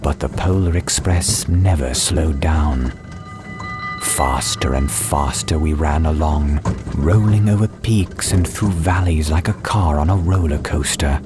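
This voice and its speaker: A man reading a dramatized storybook as an audiobook narrator, with measured, deliberate phrasing. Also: very deep voice, music in the background. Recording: clear ambience and train noise behind. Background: soundscape of train and ambience.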